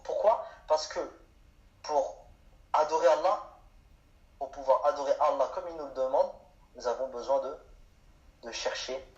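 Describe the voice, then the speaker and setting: A man's voice: mid-range voice, darkish tone. Guy teaching a grammar lesson, asks a question then answers it, echoey room, kinda muffled audio. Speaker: Arabic teacher. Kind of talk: explanatory lesson. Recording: echoey room, dull sound.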